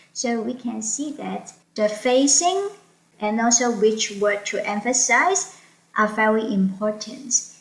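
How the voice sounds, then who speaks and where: A woman tutor running an online workshop, explaining test strategies slowly and checking in with her learners. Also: fairly high pitch, echoey room, rough recording.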